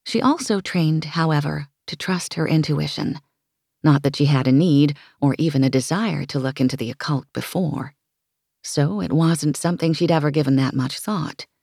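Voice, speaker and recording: Woman, audiobook narration, low voice, dry close sound, measured and expressive. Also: creaky, dry recording. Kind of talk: scripted fiction narration.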